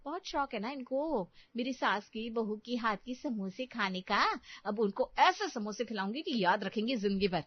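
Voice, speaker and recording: A woman voicing a young, resentful daughter-in-law in a cartoon story who grumbles with a sharp tongue. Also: on the high side, hardly any pauses, breathy edge, no room sound. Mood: annoyed. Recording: dull, dry lo-fi.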